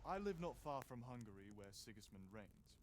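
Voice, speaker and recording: An actor playing an earnest young foreign gentleman in a medieval game, explaining in a measured, deferential way. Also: medium pitch, very animated, noisy background, lightly acted. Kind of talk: scripted dramatic game dialogue.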